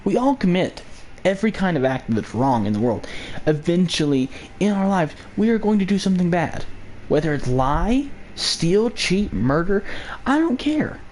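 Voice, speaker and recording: A man's voice: high-pitched, sing-song, moderate pace, a little mellow, a little hiss or hum. A young man hosting his own vlog, rambling through a sarcastic political rant full of jokey asides. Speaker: vlog host.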